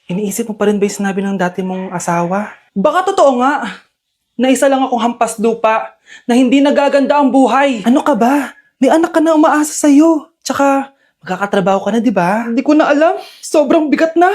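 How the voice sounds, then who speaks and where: A woman performing short comedy skits and playing every role herself, switching between shrill and low character voices. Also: normal speed, a little mellow. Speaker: comedy skit creator playing every part. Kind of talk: comedic skit acting with many characters.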